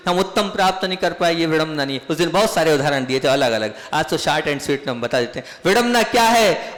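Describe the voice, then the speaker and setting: A man preaching as a monk, lively and rhetorical, asking questions and repeating key phrases. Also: high-pitched. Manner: animated, rhetorical questions and repetition. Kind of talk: sermon. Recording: echoey hall.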